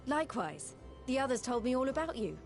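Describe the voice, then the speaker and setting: A friendly, plain-spoken resistance commander in a fantasy game. Her fairly high voice is lively, over clear background music. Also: a little fast. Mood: frank, friendly. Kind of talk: scripted fantasy game acting.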